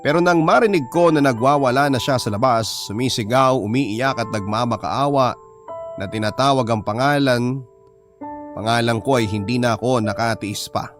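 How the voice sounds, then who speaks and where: Prominent background music sits under the voice of a man with a Filipino accent as he reads a first-person drama story aloud like a letter. He speaks at a medium pitch and a moderate pace.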